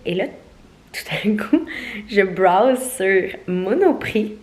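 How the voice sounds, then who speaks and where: A woman's voice: medium pitch, expressive, takes it slowly, darkish tone. A young woman with a Québécois French accent, vlogging casually and mixing in English words. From Quebec. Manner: chatty, mixes in English words. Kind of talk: casual vlog.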